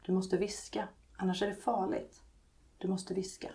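A woman reading from her book, voicing a young girl who gently coaxes a frightened child in hushed tones. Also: medium pitch, slight background noise, close to an everyday voice. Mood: whispering. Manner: hushed, coaxing. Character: young girl, gentle and reassuring, whispering through a wall. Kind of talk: read-aloud storybook passage.

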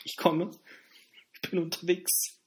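A man hosting a comic mock grammar lesson, joking in a playful, deadpan way. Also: high voice, slow pace. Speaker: comedic host.

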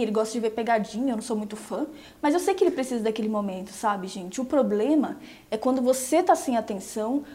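Emphatic, fairly high-voiced woman. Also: warm tone. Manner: emphatic, often checks in with "entende?". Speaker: marriage and relationship coach. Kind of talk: casual live-stream advice chat with viewers.

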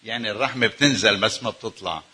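A man's voice: on the low side, racing, pushed and bright, breathy edge. A male preacher with a Lebanese accent delivering a sermon, putting emphatic rhetorical questions to his congregation. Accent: Lebanese Arabic.

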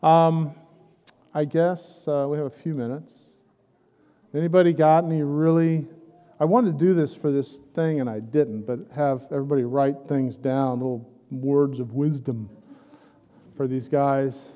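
A man's voice: on the high side, fairly even intonation, unhurried, mellow, highs cut off. A middle-aged man, a pastor, talking casually to a church group with a handheld microphone, rambling and joking as he encourages them. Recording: long hall reverb with murmuring crowd.

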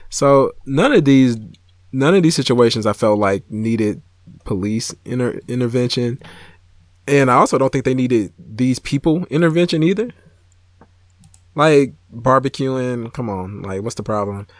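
A man's voice: medium pitch, animated, unhurried, no room sound, studio quality. A man co-hosting a podcast, teasing his partner in casual banter and often trailing off mid-thought. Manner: teasing, hesitant, trails off and restarts. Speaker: podcast co-host.

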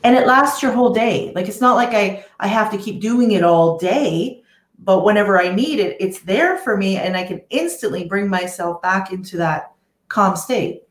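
A woman in a casual podcast conversation, telling a personal story in a lively, animated way. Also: mid-range voice, normal speed. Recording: roomy echo.

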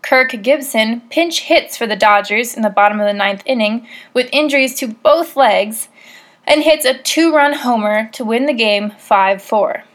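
A woman with a slightly higher voice talks her way through a prepared monologue. She is chatty and wry, and pokes fun at herself as she goes. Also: unhurried, a bit bright. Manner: wry, self-deprecating, chatty. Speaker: podcast host. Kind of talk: casual scripted monologue.

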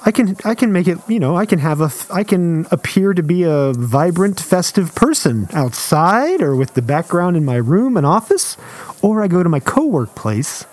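A man's voice: high voice, very animated, normal speed, a little mellow. A man co-hosting a casual podcast who teases his partner with incredulous questions and laughs easily. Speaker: podcast co-host. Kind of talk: casual chat.

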